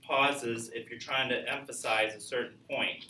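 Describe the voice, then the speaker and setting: Bright-voiced male lecturer in an echoey classroom. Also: medium pitch, steady tone, unhurried, far from the mic, a little hiss or hum. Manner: conversational, demonstrative, asks the class questions. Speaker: college speech instructor. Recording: echoey classroom recorded from afar.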